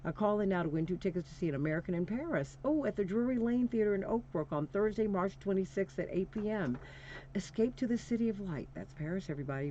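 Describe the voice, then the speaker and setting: A woman hosts a radio show and reads a contest promo in a chatty announcer manner. Her voice is mellow and relaxed. The sound is dull, with faint noise behind it. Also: fairly low pitch.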